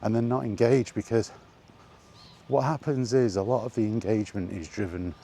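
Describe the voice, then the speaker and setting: This vlogger's voice sits fairly low, with fairly even intonation, normal speed, and a creaky, mellow texture over a little hiss or hum. He walks while he talks, ambient noise trailing behind, rambling casually and grumbling wearily as in a loose solo vlog.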